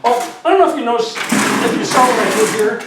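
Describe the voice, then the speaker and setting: Joking drywall pro in an echoey garage. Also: male voice, extremely high pitch, animated, brisk. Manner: joking, rambling storyteller. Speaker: drywall finisher and show host. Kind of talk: casual how-to demonstration. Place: garage under repair. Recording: echoey garage, distant mic, noisy.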